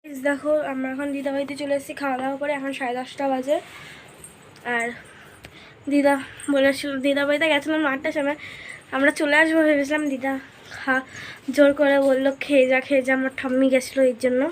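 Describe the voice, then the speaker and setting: Hoarse young woman vlogging at home. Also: high-pitched, level tone, brisk, pauses often, a little hiss or hum. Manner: chatty, showing things to camera. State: hoarse, stuffy nose from a cold. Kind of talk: casual vlog narration.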